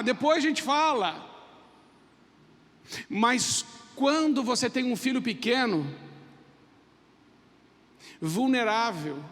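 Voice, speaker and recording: A Brazilian man preaching a sermon as pastor, dramatic, dropping to hushed lows and rising to emphatic highs, acting out little voices of children and parents. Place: church sanctuary. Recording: long church reverb.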